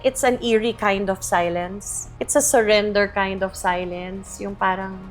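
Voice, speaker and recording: A woman's voice: medium pitch, steady tone, unhurried. Woman, 50s, interview guest, pleading and reproachful, faint music under her. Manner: pleading, reproachful, switching between Filipino and English. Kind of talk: emotional interview talk.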